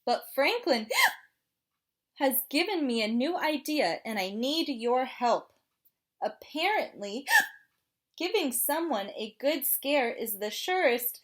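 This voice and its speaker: A woman voicing a young penguin in a storybook read-aloud, excitable and polite, frustrated by hiccups, addressing children like a kids show host. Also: high-pitched, voice pushed up, heavily acted. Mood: hopeful, pleading. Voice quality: speech broken by gasping hiccups.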